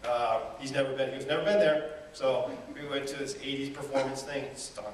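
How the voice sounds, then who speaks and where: With a medium-pitched voice, an even tone, and a fairly quick delivery, a man gives a spirited motivational seminar in an event hall, mixing stories with rhetorical questions. Recorded from afar, it has room echo and faint noise.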